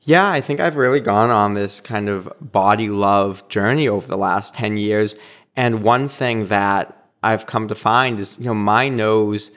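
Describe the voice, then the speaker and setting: A man with a Boston accent speaks in a fairly low voice as an interview guest. He talks in a thoughtful, unhurried way and often stops to find the right words. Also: a bit bright. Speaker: podcast guest. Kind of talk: casual reflective interview talk.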